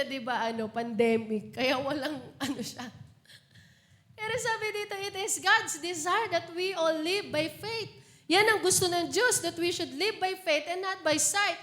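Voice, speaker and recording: Female preacher, high voice, sermon with homey anecdotes, reverberant church room. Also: bright, forceful tone. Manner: Taglish preaching with personal anecdotes, laughing. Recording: echoey church hall.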